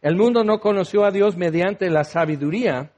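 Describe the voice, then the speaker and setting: A man preaching a sermon, lively and acting out the voices of the people he quotes. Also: high voice, moderate pace, lo-fi sound. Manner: animated, acts out quoted voices.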